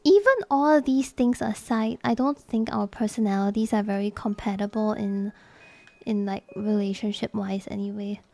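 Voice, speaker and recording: A woman's voice: medium pitch, fairly even intonation, moderate pace, creaky, dark tone. A young adult woman streamer chatting casually and candidly with her viewers, laughing often and swearing freely.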